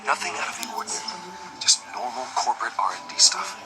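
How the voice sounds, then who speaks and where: An actor playing a guarded man who softly consoles a grieving friend in a video game. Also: medium pitch, very animated, fast talker, lightly acted. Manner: soft, hushed reassurance. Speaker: game character. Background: game music.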